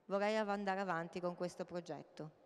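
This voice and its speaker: A woman's voice: fairly low pitch, fairly even intonation, brisk, clean tone. A middle-aged woman, an artist, presenting her projects at a conference, speaking into a handheld mic with many hesitations. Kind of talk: public talk at a conference. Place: large hall, indoors. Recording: long reverb of a large hall.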